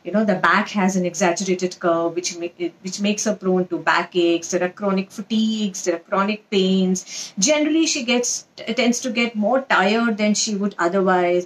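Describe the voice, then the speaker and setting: A woman's voice: medium pitch, poor audio. A woman with an Indian accent speaks as a doctor giving an informal educational talk, addressing listeners directly and stressing items in lists.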